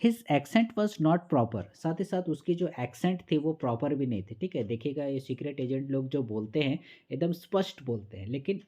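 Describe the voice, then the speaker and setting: A man teaching an exam-prep literature lesson, reading lines slowly and then explaining them patiently and repetitively. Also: mid-range voice, animated, warm tone. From Jharkhand or Bihar, India.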